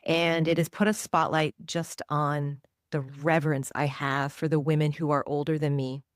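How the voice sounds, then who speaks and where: A woman's voice: low voice, level tone, normal speed, dry recording, studio quality. A woman in her forties, a journalist and author, answering interview questions in a reflective, earnest way. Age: 40s.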